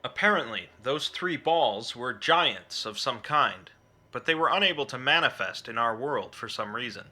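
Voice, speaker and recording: A man's voice: mid-range voice, expressive, normal speed, bright, forceful tone. A man reading a scripted, dramatic explainer as a narrator. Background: background music.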